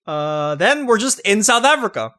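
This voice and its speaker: Guy on a movie podcast, high bright voice, all over the place, laughing while he recaps. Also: normal speed. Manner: animated, laughing, recaps the plot. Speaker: podcast co-host. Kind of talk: casual movie chat.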